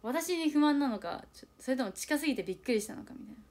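A young woman chats on a livestream with a fairly high, very animated voice. She talks quickly and keeps dipping into changed voices to act out small quoted moments, while running herself down in a confiding, chatty way. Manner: self-deprecating, chatty and confiding. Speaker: idol group member streaming live. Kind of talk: casual livestream chat reading viewer comments.

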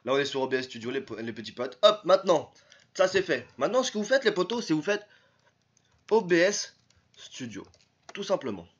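A man's voice: a little high, big pitch swings, a little fast, lo-fi sound. A young man with a French accent, walking viewers through a casual screen-recorded tutorial in a chatty, repetitive, rambling way. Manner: chatty, repetitive, keeps saying "les potos"; rambling, with many restarts and "hop". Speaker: tutorial youtuber.

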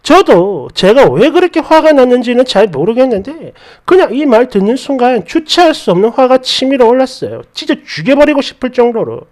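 Animated high-voiced male storyteller. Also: a little fast, hardly any pauses. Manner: animated, exasperated retelling. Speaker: story narrator. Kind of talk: scripted first-person story narration.

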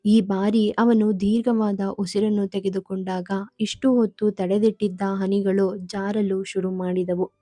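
A woman storyteller narrating a family drama in a calm, even manner. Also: mid-range voice, measured pace, few pauses, no room sound, clean studio sound. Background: soft music.

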